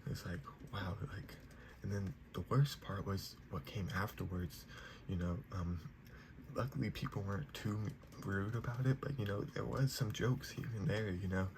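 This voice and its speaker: A young man giving a whispered ASMR pep talk in a soft, reassuring manner. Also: fairly low pitch, normal speed. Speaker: ASMR creator giving positive affirmations. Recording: noisy, clear background hiss.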